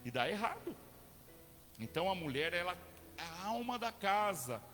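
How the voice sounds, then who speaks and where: A Brazilian man in middle age is preaching, and his high voice rings with a bright, forceful edge. He moves between easy, conversational questions to the congregation and fervent, shouted declarations. A long church-hall reverb trails each phrase, and faint music sits underneath. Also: very animated, moderate pace. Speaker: pastor. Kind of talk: sermon.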